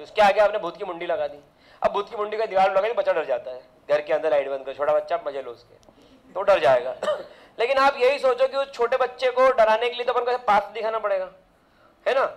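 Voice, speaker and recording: A male physics teacher with a noticeably high voice lectures in a loose, conversational way. He wanders off into side rants and keeps throwing rhetorical questions at the class before coming back to the lesson. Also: poor audio.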